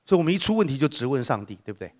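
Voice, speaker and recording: A man preaching a sermon, joking with the congregation and acting out the voices of the people he quotes. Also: very fast. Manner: lively, acts out quoted voices with big pitch jumps; humorous asides with laughter.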